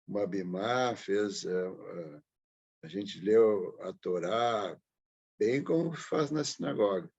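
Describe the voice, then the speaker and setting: A man's voice: fairly low pitch, animated, takes it slowly, a little mellow, slightly rough, highs cut off. A man from Brazil on a video call, chatting hesitantly about a trip, with many restarts. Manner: chatty, hesitant, emotional storytelling. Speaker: study group participant. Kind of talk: casual online group discussion.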